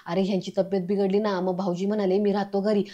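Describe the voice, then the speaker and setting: A woman reading the lines of an older housewife who tries to calm a quarrel, in an even, mellow voice. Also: mid-range voice, fast talker, dull audio, natural voice. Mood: placating. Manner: placating.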